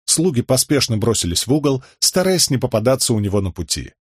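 A man reading fantasy fiction aloud in steady, measured audiobook narration. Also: medium pitch, husky, no room sound, clean studio sound. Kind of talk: scripted narration.

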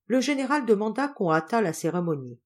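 A woman's voice: mid-range voice, big pitch swings, brisk, a little mellow. Woman narrating a classic audiobook. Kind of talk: reading a classic novel aloud.

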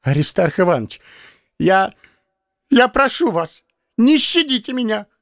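A man's voice: sits high, big pitch swings, unhurried, a bit bright, no echo, studio quality, voice pushed up, heavily acted. A man reading an audiobook and voicing an anxious, tearful younger man who pleads in a strained voice. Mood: pleading.

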